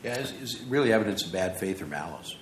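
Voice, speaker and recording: A man's voice: on the low side, animated, fast talker. A man serving as an appeals judge, asking counsel probing questions in an informal way. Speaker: appellate judge. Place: courtroom. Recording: echoey courtroom with faint noise.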